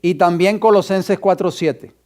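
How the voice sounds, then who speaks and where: A man's voice: high voice, unhurried, a little mellow. A male pastor teaching a Bible class, quizzing his students and dictating scripture references for them to write down. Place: church classroom.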